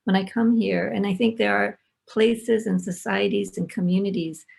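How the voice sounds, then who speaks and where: Older woman panelist, thoughtful, rasp and fry in the voice, joins by video call. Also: mid-range voice, fairly even intonation, moderate pace, darkish tone. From Los Angeles, United States. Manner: reflective, repeats words, asks rhetorical "right?". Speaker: panelist, former professor. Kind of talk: panel discussion. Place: home, remote video call.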